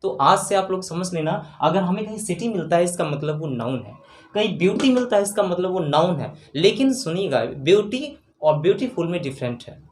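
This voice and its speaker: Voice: medium pitch, expressive, moderate pace, darkish tone. A grammar teacher giving an exam-prep lecture, spelling out words letter by letter and often checking in with the class. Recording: roomy room with faint background noise.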